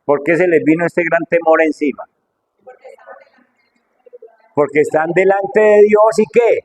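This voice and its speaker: A man's voice: fairly even intonation, normal speed, low-quality recording. A middle-aged man preaching a sermon with fervour, asking the congregation one rhetorical question after another and swinging his voice up and down. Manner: fervent, full of rhetorical questions, wide swings in pitch and loudness.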